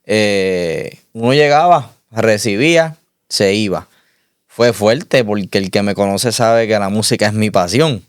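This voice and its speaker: A man speaks in a measured, reflective way and circles back to his key lines. His voice runs fairly low and sounds smooth and clear. The recording is dry and close to the mic. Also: dry recording. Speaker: interview guest giving testimony. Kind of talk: reflective faith testimony.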